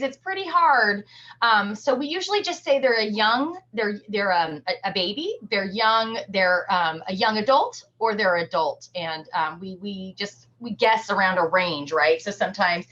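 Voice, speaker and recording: A woman working as a humane society educator explains things simply and supportively to children during a virtual field trip. Her voice is medium in pitch with a fairly bright tone. It's recorded through a computer on a video call, with flat, lo-fi quality.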